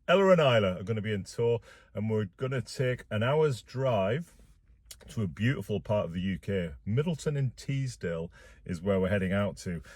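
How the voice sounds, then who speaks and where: A man's voice: lowish voice, darkish tone, dry recording, clean studio sound. A man chatting casually and directly to his viewers as a vlog host, sitting inside a car. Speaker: vlogger, YouTube host. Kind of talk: casual vlog talk to camera.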